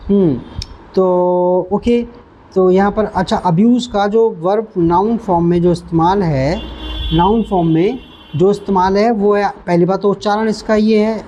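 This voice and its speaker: A man gives a vocabulary lesson at a very slow, deliberate pace and says each word several times. His voice is mellow and dark, and a faint noise sits behind it. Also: high voice, dull audio. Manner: slow, repetitive, stops to quiz the listener. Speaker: English teacher.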